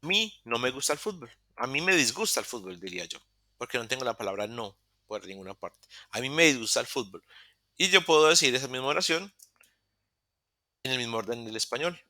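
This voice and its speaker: Male language teacher, very bright and forward tone, dry close sound; patient, step-by-step explainer who self-corrects. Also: mid-range voice, lively intonation, brisk, dry recording. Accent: Latin American Spanish. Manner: self-correcting, restarts mid-word. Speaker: English teacher. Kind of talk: online beginner English class. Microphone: computer mic in a virtual session.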